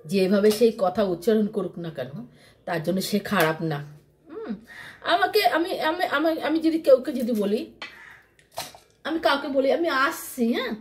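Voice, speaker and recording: A woman's voice: a little high, normal speed, pauses often, slight background noise. A woman vlogger chatting casually to her followers from home, rambling and repeating herself, often mimicking how other people talk.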